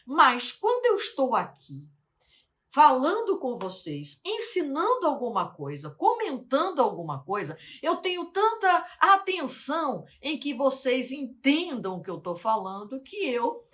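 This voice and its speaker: A woman, a life mentor teaching to camera, speaking slowly and articulating carefully, often asking the viewer questions. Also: sits high, wildly swooping pitch, fairly bright tone. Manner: deliberate, slowed, carefully articulated delivery.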